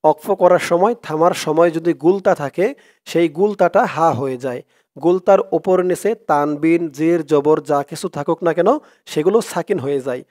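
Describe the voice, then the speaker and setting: A man teaching Quran reading in a slow step-by-step lesson, breaking words into syllables and then chanting them drawn out and louder. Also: on the high side.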